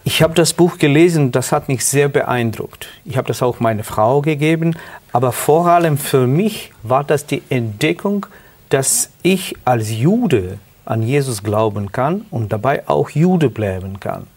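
A middle-aged man from Ukraine with a Ukrainian accent, earnestly telling his life story as a guest in halting German. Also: mid-range voice, animated, darkish tone. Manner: earnest, halting non-native German with restarts. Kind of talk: personal testimony interview.

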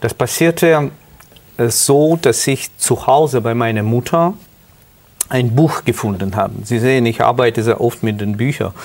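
A middle-aged man from Ukraine with a Ukrainian accent, earnestly telling his life story as a guest in halting German. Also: mid-range voice, darkish tone. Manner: earnest, halting non-native German with restarts. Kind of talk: personal testimony interview.

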